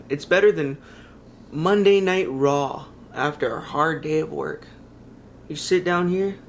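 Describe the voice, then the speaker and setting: A man's voice: a little high, creaky, slight background noise. A man playing an overexcited wrestling superfan in a mockumentary, gushing in a fanboy way. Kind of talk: mockumentary acting.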